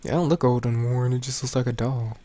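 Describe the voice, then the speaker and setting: A man's voice: mid-range voice, fairly even intonation, fast talker. A man hosting a let's play, making offhand, joking remarks while he plays. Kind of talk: casual gameplay commentary.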